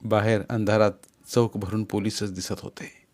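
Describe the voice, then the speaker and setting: Man reading a novel out loud, steady and measured. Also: fairly low pitch. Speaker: audiobook narrator. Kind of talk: scripted novel narration.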